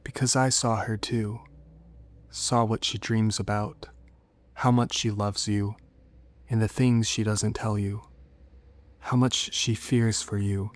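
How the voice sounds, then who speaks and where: A man voicing a seductive, menacing female demon in a horror story, coaxing and cryptic, with soft whispered turns. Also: lowish voice, flat delivery, slow, long pauses. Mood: calm, persuasive.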